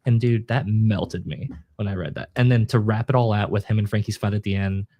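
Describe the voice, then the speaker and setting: A man's voice: fairly low pitch, steady tone, fairly quick, warm tone, dry recording. A man co-hosting a podcast, chatting casually and enthusiastically about manga and acting out characters' lines. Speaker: podcast co-host.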